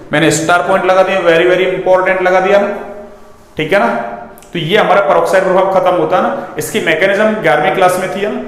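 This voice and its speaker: A man teaching a chemistry lesson in a chatty classroom style, asking questions and answering them himself. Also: high voice. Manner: conversational, full of rhetorical questions and "ना" tags. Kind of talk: classroom lecture. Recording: very echoey room with long reverb.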